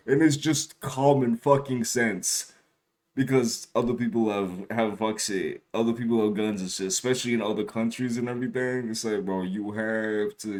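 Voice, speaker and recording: A man's voice: fairly low pitch, darkish tone. A young man chatting casually on a livestream, reacting to a video with loose, profane, rambling talk full of restarts.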